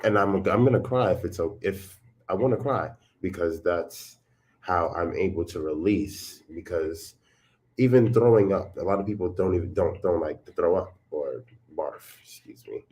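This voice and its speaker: A man talking in a relaxed, earnest and reflective way in a casual conversation. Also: low voice, moderate pace.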